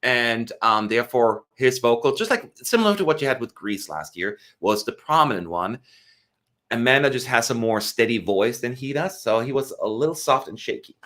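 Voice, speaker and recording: A man's voice: mid-range voice, moderate pace. A man co-hosting a live stream in casual chat, talking with many fillers. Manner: chatty, lively intonation, many fillers.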